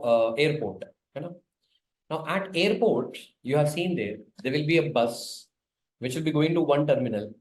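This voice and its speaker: On a poor-quality recording, a man with a highish, darkish voice and an Indian accent lectures informally on biochemistry for exams. He hammers points home with repetition, moves between English and Hindi, and adds question tags.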